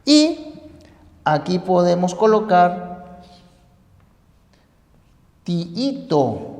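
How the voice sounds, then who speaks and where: A teacher slowly explaining a grammar lesson, asking rhetorical questions to the students. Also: mid-range voice, animated, darkish tone. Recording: echoey room with long reverb.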